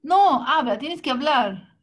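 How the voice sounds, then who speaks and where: A woman's voice: extremely high pitch, sing-song, drawn-out words, a bit bright, pitched above the performer's own voice, full character voice. A woman voicing an impatient female psychologist who keeps repeating orders to speak. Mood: insistent. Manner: insistent, scolding repetition.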